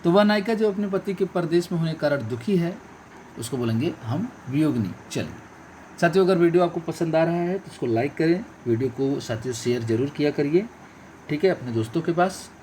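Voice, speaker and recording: A man's voice: a little high, lively intonation, a little fast, darkish tone. A male teacher runs an online exam-prep lesson in a slightly raised voice, calling his viewers friends. He stresses each key word and repeats every correct answer. A faint hiss sits under the recording. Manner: addresses viewers as friends and companions.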